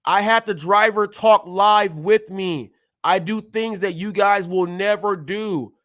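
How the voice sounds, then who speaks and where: Guy in his 40s ranting on his live show, stutters, cocky and calling people out, high voice and slow delivery. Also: a bit bright. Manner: boastful, confrontational, calling out critics. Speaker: host. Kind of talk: ranting live-stream commentary.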